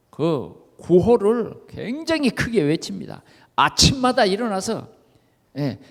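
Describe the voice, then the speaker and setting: A man preaching a sermon in a church, asking rhetorical questions and often interjecting a quick yes. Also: a little high, darkish tone. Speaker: pastor. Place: church sanctuary. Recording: reverberant church hall.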